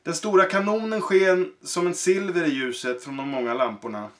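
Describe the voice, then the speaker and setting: A man reading a children's book aloud in a halting way, with fillers and self-corrections. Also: sits high, a bit bright. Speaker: reader.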